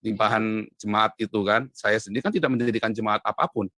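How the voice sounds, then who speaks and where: Male interview guest, emphatic storyteller, bright tone, dry close sound. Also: lowish voice, steady tone, fast, no echo. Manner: emphatic storytelling, voice rising sharply when stirred. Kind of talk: conversational interview.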